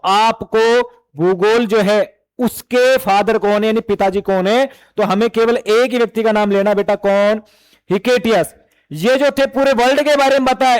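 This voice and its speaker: Guy with a really high voice teaching exam kids, asks stuff then answers it himself. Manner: calls students beta and bhai. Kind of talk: classroom lecture to exam students.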